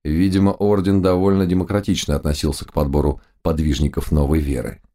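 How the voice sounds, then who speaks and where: Brief: male narrator, extremely low voice, wry and ironic, first-person audiobook reading. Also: little pitch movement, fairly quick, mellow.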